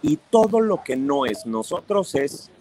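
Mexican male streamer, mid-pitch, warm banter with his chat, teasing, affectionate. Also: sing-song, unhurried, poor audio. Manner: chatty and affectionate, playful teasing. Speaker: livestream host. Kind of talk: casual live chat, reading viewer comments aloud.

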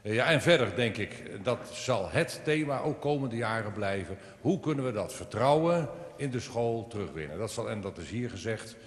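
A man speaking on a conference panel, hesitant with many pauses and fillers, in a large hall. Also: fairly low pitch, lively intonation. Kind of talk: panel discussion. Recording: echoey hall.

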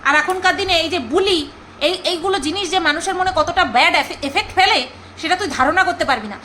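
A woman vlogger reacts to another creator's videos in a casual commentary, chatting, teasing, scolding, and mock-mimicking others. Her very high voice is bright and crisp and a little fast. The recording is low quality, with faint noise underneath.

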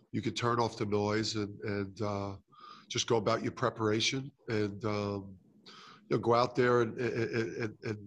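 A middle-aged man, a head basketball coach, answering questions at a postgame press conference with many fillers and restarts. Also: lowish voice. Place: press conference room with sponsor backdrop. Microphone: table mic close in front.

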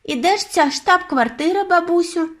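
A woman's voice: high-pitched, big pitch swings, normal speed, darkish tone, pitched above the performer's own voice. A woman reading an audiobook and voicing an eager, impatient young boy who has been turned into a mouse.

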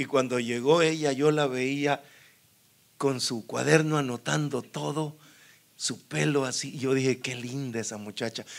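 A man preaching a sermon, telling his own story with lively, acted-out dialogue and frequent laughter. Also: medium pitch, gravelly. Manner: animated storyteller, acts out dialogue, laughs often. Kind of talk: sermon with personal testimony.

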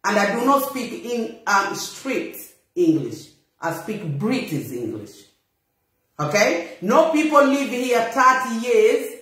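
This middle-aged vlogger, Bissau-Guinean accented, confronts her audience through a phone camera in a small, bare room that echoes heavily. Her slightly high, fairly bright voice is very animated yet slow, her monologue blunt, indignant and emphatic.

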